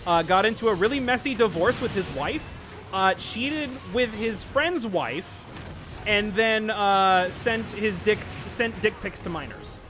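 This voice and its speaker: A man hosting a casual gaming chat while playing, animated and rambling, laughing often. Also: sits high, unhurried. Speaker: gaming channel host. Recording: faint game music behind.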